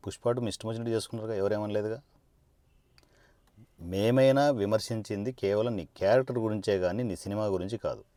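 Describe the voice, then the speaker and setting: Speaking straight to camera, a male politician delivers a confrontational monologue, sarcastic and combative, firing off rhetorical question after rhetorical question. His voice is fairly low and mellow with a quick pace, and there's no echo.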